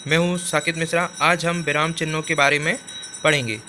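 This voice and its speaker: Man, teacher, patient step-by-step explanation, high voice. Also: flat delivery, noisy background. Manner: repeats a filler phrase, explains slowly with examples. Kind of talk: Hindi grammar lesson for exam prep.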